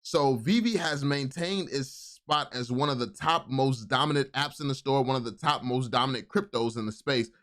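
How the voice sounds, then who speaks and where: A man's voice: medium pitch, normal speed, hardly any pauses, a bit bright. A man giving casual, enthusiastic video commentary, often repeating and restarting his words. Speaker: crypto YouTube commentator.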